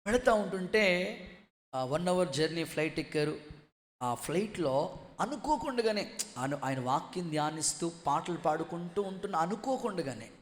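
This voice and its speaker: Male pastor, high voice, impassioned sermon delivery with loud peaks, long hall reverb. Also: lively intonation, normal speed. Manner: impassioned preaching, swells to shouts, rhetorical questions.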